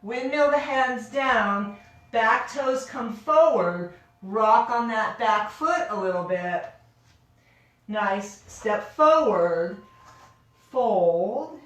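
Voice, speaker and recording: Careful, unhurried woman teaching yoga, very echoey. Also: fairly high pitch, animated. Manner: careful, unhurried, gentle step-by-step cueing; informal, encouraging. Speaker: yoga instructor. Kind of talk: guided yoga class instruction. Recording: very echoey room, distant microphone.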